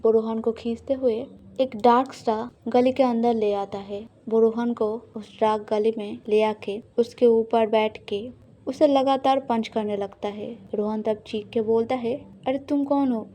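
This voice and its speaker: A woman narrating a scripted audio love story in a plain, even storytelling manner. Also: on the high side, measured pace.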